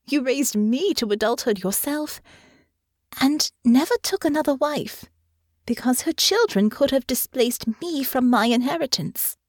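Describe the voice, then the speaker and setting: A woman voicing a young noblewoman who speaks calmly and gently while staying firm. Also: sits high, unhurried, dry recording, studio quality, pitched above the performer's own voice. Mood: gentle. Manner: calm, gentle but firm.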